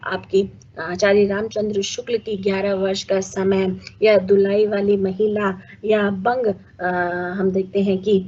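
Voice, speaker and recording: A woman teaching a lecture, explaining at an unhurried pace and often pausing with filler sounds. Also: mid-range voice, little pitch movement, a little mellow, breathy edge. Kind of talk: recorded lecture. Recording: slightly dull lo-fi audio with faint noise.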